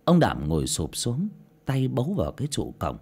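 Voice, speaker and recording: A male audiobook narrator, telling the story expressively. His mid-pitched voice rises and falls a great deal. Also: wildly swooping pitch, normal speed, darkish tone, husky.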